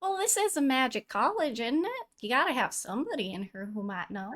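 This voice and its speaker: A woman's voice: high voice, big pitch swings, fairly quick, fairly bright tone. A woman playing a tabletop game, chatting casually in character.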